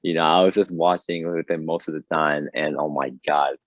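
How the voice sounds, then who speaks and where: Young male podcast co-host: deep, excitable, laughs a lot, rambling chat, on a dull lo-fi mic. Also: moderate pace, dry recording. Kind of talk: casual chat. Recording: dull, dry lo-fi sound.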